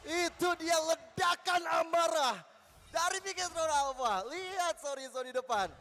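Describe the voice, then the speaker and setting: A very high-voiced Indonesian man casts a live esports match in a fighting game announcer manner. His calls are hyped and dramatic, rising into shouts. There is faint event noise behind him. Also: a little slow.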